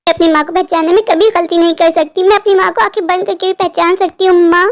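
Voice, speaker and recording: A woman's voice: very high-pitched, flat delivery, fast talker, no room sound, clean studio sound. A woman doing a plaintive ghost daughter. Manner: pleading, plaintive calling. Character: ghost daughter, lost and clinging, young. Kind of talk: animated horror story voice acting.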